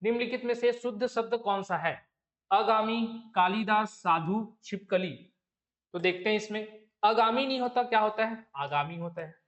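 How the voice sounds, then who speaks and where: Man teaching Hindi spelling, high voice. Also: a little fast, few pauses. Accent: Chhattisgarhi Hindi. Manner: explains step by step, asks rhetorical check questions. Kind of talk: exam-prep lesson.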